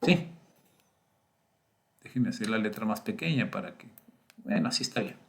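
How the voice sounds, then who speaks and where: A man's voice: on the low side, expressive, moderate pace, vocal fry, fairly bright tone. A middle-aged man, teaching a recorded screen-share statistics lesson. He explains patiently step by step and keeps checking in with his students.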